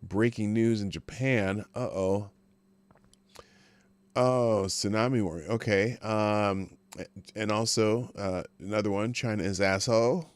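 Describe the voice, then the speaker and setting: A man's voice: lowish voice, fairly even intonation, slow pace, dry recording. A tired, just-woken man hosting a casual morning livestream, rambling informally. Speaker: live show host.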